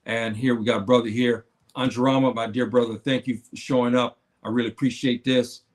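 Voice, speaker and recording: A man in his seventies giving a casual livestream talk to his viewers. He speaks haltingly, with many fillers and repeated words, and he repeats his key phrases. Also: mid-range voice, little pitch movement. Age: 70s.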